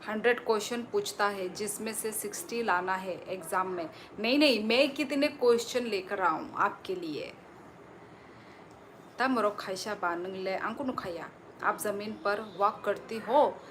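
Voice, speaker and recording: A woman hosts a relaxed live stream from her phone at home and answers her viewers' comments one by one. She speaks at an unhurried pace in a voice of middling pitch. Steady background noise runs clearly under her voice. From Tripura, India. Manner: reads viewer comments aloud and answers them chattily. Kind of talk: casual live-stream chat.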